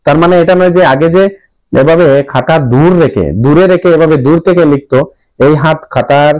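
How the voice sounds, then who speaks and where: A man's fairly high voice with a Bangladeshi Bengali accent, speaking as a teacher who earnestly walks through his work with a pupil and circles back over his phrases. The sound is close and dry, with no room behind it. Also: brisk, a little mellow, dry recording, low-quality recording. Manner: earnest, explanatory, repeats phrases as he goes. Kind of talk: spoken account to camera.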